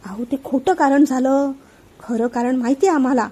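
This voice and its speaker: A nosy, sharp-tongued aunt prods her nephew for answers, as a woman storyteller gives her a voice. The voice is high and mellow, in a read-aloud family story. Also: normal speed. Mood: prying. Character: meddling, sharp-tongued middle-aged aunt.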